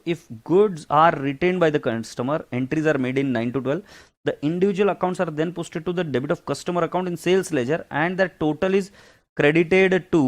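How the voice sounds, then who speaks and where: A man with an Indian accent teaching an accounts class online, reading English text slowly and explaining in fast Hindi with teasing asides to students. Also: a little high.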